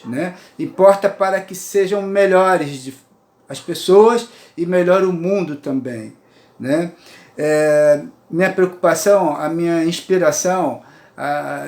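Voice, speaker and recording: A man in his sixties, a poet and writer with a Brazilian Portuguese accent, shares his views in a rambling, earnest monologue from his apartment, often checking in with his listeners. His voice is fairly high and the sound is roomy.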